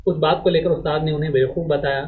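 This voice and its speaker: A male teacher reads a text aloud to students and explains it, speaking in a measured lecturing way. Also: on the high side, steady tone. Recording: phone-like narrow band audio.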